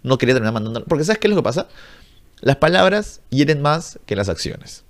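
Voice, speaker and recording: A man's voice: on the high side, very animated, fairly quick. A young man, ranting bluntly and profanely to camera in a casual vlog. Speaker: vlogger.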